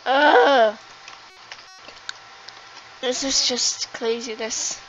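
A woman's voice: on the high side, slow, sharp tone, low-quality recording. A woman creator acting out a comedic skit with exasperated, dramatic complaining. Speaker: video creator. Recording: faint background noise.

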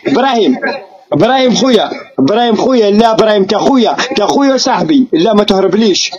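Algerian guy chatting fast on a live stream, highish voice, muffled sound with crowd noise. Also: animated, darkish tone. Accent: Algerian Arabic. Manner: teasing and pleading, repeats himself. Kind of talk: casual chat on a live stream.

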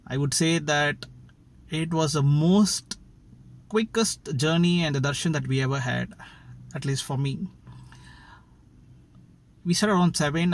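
A young man with an Indian English accent, chatting casually to his vlog camera from inside a car, with frequent fillers. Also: on the high side. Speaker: travel vlogger. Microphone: phone camera at arm's length.

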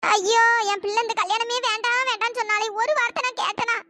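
A voice actor voicing a worried middle-aged cartoon mother who laments her daughter's fate, with a pitch-shifted voice. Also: fairly even intonation, fast talker. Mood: distressed. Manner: wailing, self-reproaching. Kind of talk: cartoon storytelling dialogue. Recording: loud background noise.

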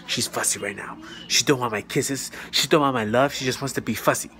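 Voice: mid-range voice, a little fast, over music. A parent vlogging at home while minding their baby, using playful sing-song baby talk and whispered asides. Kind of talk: casual home vlog. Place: home living room.

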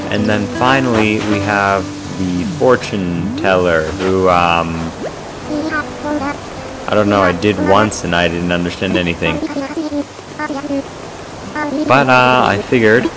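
A man giving casual game commentary, rambling and filling pauses with "um" while he talks to his viewers. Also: low voice. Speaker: gameplay vlogger. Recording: loud game music behind.

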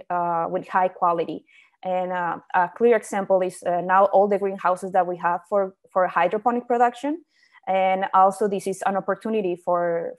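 A young woman, giving a slide presentation over a video call, pausing often on fillers and restarting her sentences. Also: mid-range voice, darkish tone. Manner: hesitant, many fillers and restarts. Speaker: invited speaker on indoor farming.

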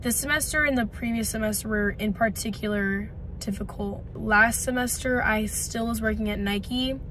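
A woman in her twenties vlogs from a parked car, talking casually into a phone camera held at arm's length and rambling with lots of "likes." She's congested and her voice is partly gone; it sits fairly high, moves at a moderate pace, and sounds a bit bright. The recording is low quality, with a little hiss or hum.

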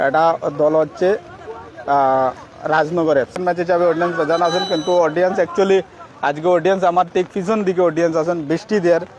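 A man with a high-pitched voice and a Sylheti accent gives live football commentary from outdoors. He switches between casual chat with viewers and excited, drawn-out calls of the play. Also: noisy background. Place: outdoors by a roadside at a football ground.

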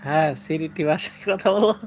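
Streamer type: high-pitched man, chatty, fields viewer comments live, faint hum behind. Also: normal speed. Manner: playfully slips into dialect phrases. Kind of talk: casual live-stream chat.

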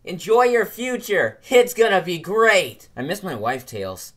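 A woman's voice: on the low side, sing-song, measured pace. A woman voicing a cocky male blue hedgehog hero who trades teasing one-liners.

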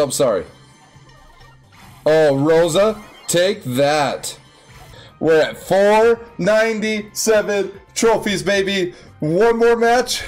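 A young man giving casual, excitable commentary while playing a video game, yelping and squealing at his wins. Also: on the high side. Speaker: gaming YouTuber. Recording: faint music behind.

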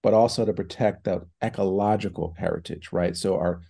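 Mellow-voiced man on a video call. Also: low-pitched, fairly even intonation, brisk, gravelly, breathy edge. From New Hampshire and Ohio, United States. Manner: thoughtful, many fillers and restarts. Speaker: guest, foundation president. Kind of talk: casual online interview. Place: home office with bookshelves. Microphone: video call from laptop.

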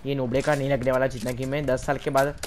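A young man with an Indian accent giving quick, excited callouts to a teammate during a shooter game, often laughing, on a headset mic. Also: medium pitch. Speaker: gaming streamer. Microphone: gaming headset. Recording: noisy game audio behind.

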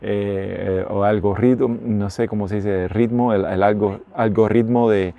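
In a muffled recording, a middle-aged vlogger from Puerto Rico, with a Puerto Rican accent, speaks casually to a phone held at arm's length inside a small motorhome room. His lowish voice is creaky, fairly even in intonation, and measured in pace, and he rambles and corrects himself as he goes.

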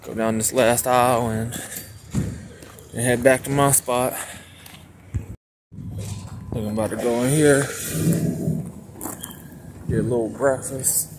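A relaxed young man talks loosely into a phone at arm's length, dropping the odd curse. His voice sits in a middling register. Steady background noise runs under the recording. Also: medium pitch, slow, long pauses. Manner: laid-back, casual with mild swearing. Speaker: vlogger selling at a flea market. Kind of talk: casual vlog chat.

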